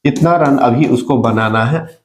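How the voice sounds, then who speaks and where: Math tutor in an echoey room. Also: male voice, medium pitch, a little slow, darkish tone. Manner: repeats questions to the student and answers them himself; talks through sums step by step. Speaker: math teacher. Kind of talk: exam-prep math lesson.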